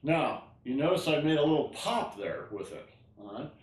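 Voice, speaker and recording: A man teaching an online tai chi class, explaining gently and often checking in with "all right?". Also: fairly high pitch, expressive, normal speed. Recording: roomy echo.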